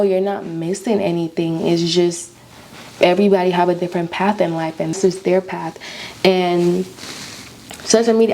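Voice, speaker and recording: A woman's voice: fairly low pitch, mellow, slight background noise, poor audio. A woman in her early twenties with an American accent and a slight lisp, chatting casually to viewers as she vlogs. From Florida, United States. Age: early 20s. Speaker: YouTuber, beauty vlogger. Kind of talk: casual chatty vlog while doing makeup.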